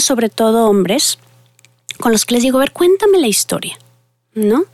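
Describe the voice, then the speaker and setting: A middle-aged family therapist tells stories earnestly to an audience, addressing them directly. Her voice sits on the high side and is a little mellow, in a dry recording.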